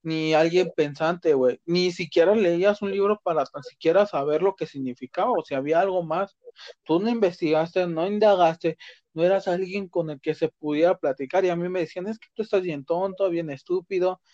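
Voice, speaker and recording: This young male co-host speaks in a high, darkish voice, a little fast, with a Mexican Spanish accent. He tells stories in crude slang during a casual chat, captured in a dull, lo-fi, dry recording.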